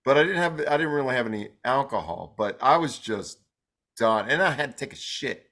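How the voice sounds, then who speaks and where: A podcast co-host chats casually, rambling and self-deprecating and laughing often. His mid-range voice is bright and forceful, with lively intonation and a slightly fast pace.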